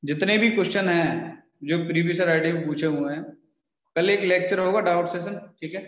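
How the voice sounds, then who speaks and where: A man's voice: sits high, fairly quick, fairly bright tone. A man teaching a maths class and giving instructions to his students, often checking in with "okay". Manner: instructive, repeats "ठीक है" often. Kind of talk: online class wrap-up. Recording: echoey, dull, lo-fi hall sound.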